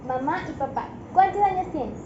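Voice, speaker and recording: A woman's voice: sits high, animated, brisk. A young woman politely interviewing her parents, thanking them after each answer. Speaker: interviewer, daughter. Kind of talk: school interview. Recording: echoey room, muffled, noisy.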